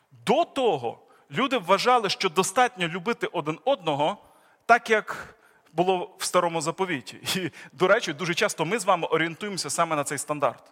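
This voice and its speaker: A man preaches a sermon, his voice high and bright as it rings through a church hall. He delivers it emphatically, climbing in pitch on key words and then dropping away. The long reverb of the hall trails after each phrase. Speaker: pastor.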